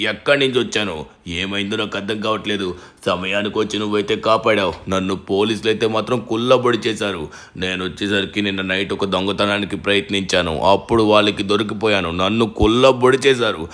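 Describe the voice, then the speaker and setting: Give me a man playing a low, sharp-toned tough guy just out of jail. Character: rough grown man just out of a jail cell.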